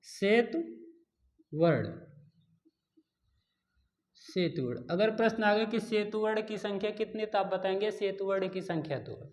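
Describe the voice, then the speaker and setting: A man teaching a grammar lesson to exam students, repeating key terms slowly and asking and answering his own questions. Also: high-pitched. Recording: echoey room.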